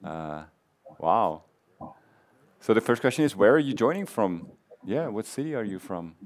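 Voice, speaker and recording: A man in his thirties hosts from a conference stage with a low, highly animated voice. He moderates in an upbeat way and laughs easily, heard through a headset mic before a large audience. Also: normal speed. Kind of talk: moderating a live audience poll.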